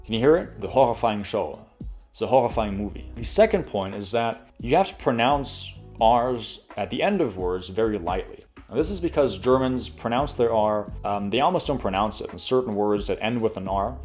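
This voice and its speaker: A man's voice: medium pitch, expressive, normal speed, hardly any pauses, darkish tone, soft background music. A young man in his twenties hosting a casual pronunciation lesson, chatty and full of fillers, demonstrating sounds as he goes. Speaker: language tutorial host.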